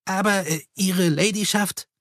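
A man's voice: sits high, unhurried, a bit bright, no echo, pitched above the performer's own voice. A man voicing a nervous young male clockmaker in an audiobook, hesitant and earnest with a dry close sound.

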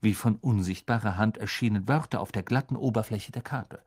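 A man narrating an audiobook in a measured, expressive storytelling manner. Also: fairly low pitch, breathy edge. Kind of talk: scripted narration.

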